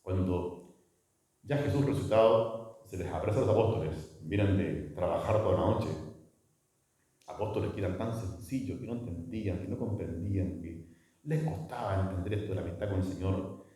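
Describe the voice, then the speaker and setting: A man, a priest, giving a lively lecture with rhetorical questions and acted-out dialogue. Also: low-pitched, moderate pace. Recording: echoey hall, voice from far off.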